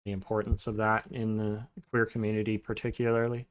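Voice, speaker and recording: A man hosting a podcast in a relaxed, casual chat, pausing often with filler sounds and restarting sentences. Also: lowish voice, smooth. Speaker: podcast host.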